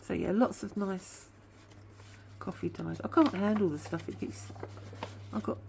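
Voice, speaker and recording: Talking through her crafts in an informal show-and-tell, this woman rambles chattily and owns up to waffling, her voice a touch whiny from a sore tooth. It sits at medium pitch and is unhurried, gravelly, and a little mellow, with slight hiss or hum in the recording.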